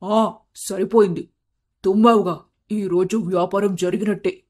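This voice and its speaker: An actor voicing an anguished middle-aged shop-owner husband in an animated storybook, loud and scolding as he laments. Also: high-pitched, a little slow. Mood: scoffing.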